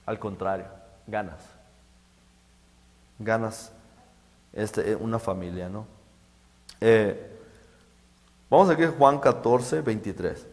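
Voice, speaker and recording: A middle-aged man preaching a sermon, halting and repeating words as he goes. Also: lowish voice, darkish tone. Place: church hall. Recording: echoey church hall.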